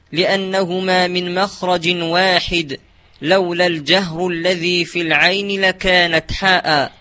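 A man, a student, reciting example words and then reading a text on Quranic pronunciation aloud in a measured way. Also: high-pitched, sharp tone.

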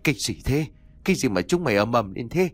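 A man voicing a cowardly old rich landlord who shouts in panic. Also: mid-range voice, sing-song, fast, no echo. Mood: panicked.

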